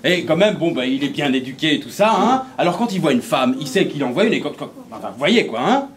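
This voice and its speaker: A man's voice: on the high side, brisk. A man with a Brussels French accent telling a folk tale with chatty asides to his audience. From Belgium. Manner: lively, chatty, full of asides to listeners. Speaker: storyteller. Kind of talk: oral storytelling performance.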